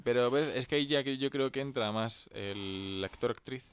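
A man with a Spanish accent from Spain, giving measured, wry opinions in a casual film review chat. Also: medium pitch, clean tone. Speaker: film podcast co-host.

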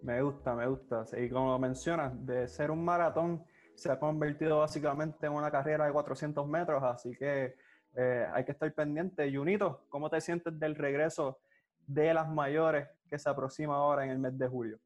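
A man's voice: fairly high pitch, steady tone, moderate pace. A man with a Puerto Rican accent hosting a podcast with enthusiasm, presenting and moderating in an upbeat style.

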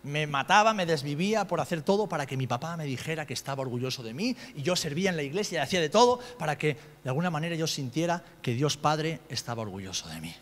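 A man's voice: big pitch swings, fast, hardly any pauses. Middle-aged male preacher, Spain Spanish accent, impassioned sermon delivery, big hall reverb. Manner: swings from loud, high-pitched outbursts to low, quiet storytelling.

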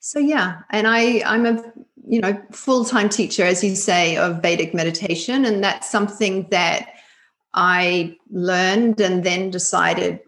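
A middle-aged woman talks as a podcast guest. Her voice sits a little low for a woman, and she speaks in a calm, measured, reflective way. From New Zealand. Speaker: meditation teacher, guest. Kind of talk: casual interview chat.

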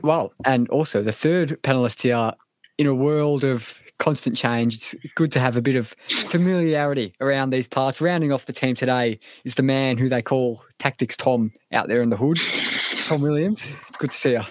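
A man's voice: mid-range voice, moderate pace, no room sound. A man hosting a live sports podcast in a jokey, mock-grand, casual way. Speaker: podcast host.

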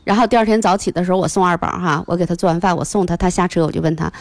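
A woman's voice: on the low side, rapid-fire, dry recording. A woman, telling a family story as a talk show guest and acting out the voices of the people in it. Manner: animated storyteller who acts out quoted voices.

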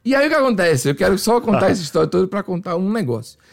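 A man's voice: sits high, big pitch swings, racing, gravelly. A man from Salvador, telling a story in casual podcast chat and acting out voices and sound effects. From Salvador, Brazil. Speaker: podcast guest.

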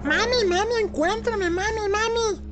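A woman's voice: extremely high pitch, unhurried, voice pushed up. A woman voicing a demon posing as a small boy, calling in a singsong, mocking way. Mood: taunting. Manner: singsong, taunting child's calls. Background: music.

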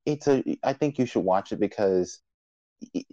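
A man moderates a loose chat, rambling and stumbling over his words as he goes. His voice sits low and mellow, and it comes through dry and a little dull. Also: lively intonation, moderate pace, no room sound. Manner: rambling, stammering restarts, laughs often. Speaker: podcast moderator. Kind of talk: casual chat about anime awards.

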